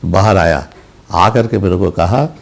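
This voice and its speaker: An older man, a senior journalist, answering interview questions slowly, with pauses, restarts and repeated words. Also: low-pitched, vocal fry. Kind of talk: interview answers, recalled anecdotes.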